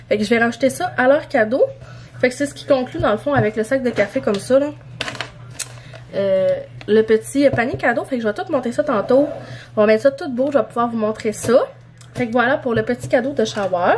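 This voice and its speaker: A young woman with a Québécois French accent chatting casually in a vlog, rambling with lots of fillers as she shows things she bought. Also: fairly high pitch. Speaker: vlogger. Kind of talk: casual vlog showing purchases.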